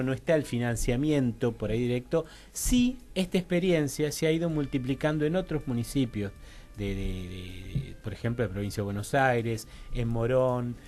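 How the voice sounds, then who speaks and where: On an informal radio interview in a radio studio, a social researcher with an Argentine Rioplatense accent explains things as a guest in a halting, digressive way, frequently using tag questions to seek agreement. His voice is mid-range and a little mellow.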